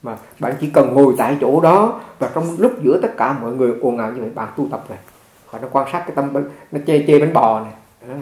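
Male monk, mid pitch, easygoing storytelling sermon, roomy echo. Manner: conversational, repeats words, animated when retelling. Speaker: Buddhist monk teacher. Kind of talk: dharma talk with storytelling. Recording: echoey room.

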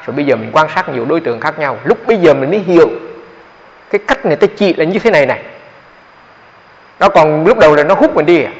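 A man's voice: fairly high pitch, vocal fry. A man, a Buddhist monk giving a dharma talk on meditation in a conversational, explanatory way, often repeating his words. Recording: echoey hall, dull lo-fi sound.

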